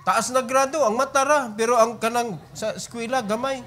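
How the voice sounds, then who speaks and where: High-voiced Cebuano preacher man. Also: fairly even intonation, normal speed, bright, forceful tone. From Philippines. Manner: emphatic, often calls out "brethren" and asks "Amen?". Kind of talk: sermon at a prayer meeting. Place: church prayer meeting.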